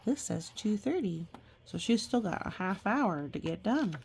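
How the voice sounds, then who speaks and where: With a medium-pitched voice full of big swings and a touch of vocal fry, she reads a picture book unhurriedly. Her expressive reactions, chatty asides and gentle explanations seem aimed at small children. There's slight background noise.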